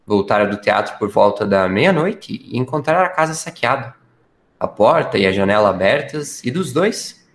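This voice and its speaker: A man playing a detective's earnest, impressionable companion in a radio drama, recounting findings expressively. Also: medium pitch.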